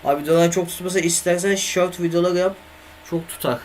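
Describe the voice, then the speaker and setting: A man's voice: high-pitched, fairly even intonation, quick pace, slight background noise. A young man streaming games live, chatting casually with viewers and grumbling at his computer, from a home setup on a desk microphone. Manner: swears and grumbles at the computer, talks to chat. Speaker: gaming streamer.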